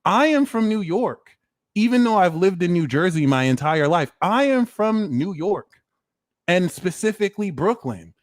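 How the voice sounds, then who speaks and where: A man's voice: high voice, sing-song, measured pace, no echo, clean studio sound, pitched above the performer's own voice. Man doing a bragging Brooklyn tough guy. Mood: boastful. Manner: exaggerated, self-mocking bravado. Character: boastful wannabe Brooklyn tough guy, male adult.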